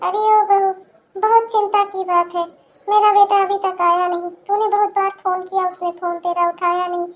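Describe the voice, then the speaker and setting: A scornful middle-aged mother-in-law in a cartoon, put on by a woman who scolds and mocks. The voice sits very high. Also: level tone, moderate pace, soft background music. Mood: mocking. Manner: taunting, scolding.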